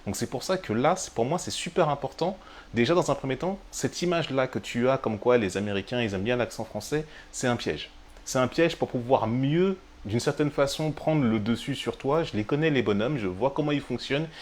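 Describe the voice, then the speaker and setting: Male host, French accent, chatty live-stream teacher, mid pitch. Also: animated, a little fast. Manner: chatty and direct, addressing viewer as tu, frequent euh fillers. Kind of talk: live-streamed English tips. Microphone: webcam or phone of a live stream.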